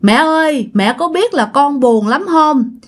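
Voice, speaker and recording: A woman's voice: sits high, lively intonation, measured pace, pitched above the performer's own voice. A woman with a Southern Vietnamese accent voicing the grieving spirit of a dead young girl, pleading in tearful reproach.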